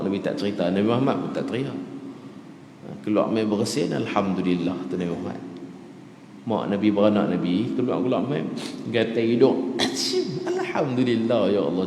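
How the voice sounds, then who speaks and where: A man with a northern Malaysian Malay accent giving a dawn lecture in a mosque, chatty and joking, slowing down to recite Arabic verses. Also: lowish voice, darkish tone, a little hiss or hum. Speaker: religious teacher. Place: mosque prayer hall. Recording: echoey mosque hall with faint ambience.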